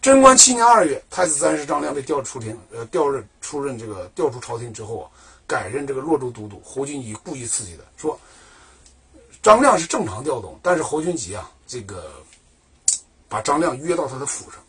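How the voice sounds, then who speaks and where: A man's voice: mid-range voice, fairly quick. A man telling a history story in a chatty colloquial way, asking himself questions and answering them. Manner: lively, chatty, asks and answers his own questions.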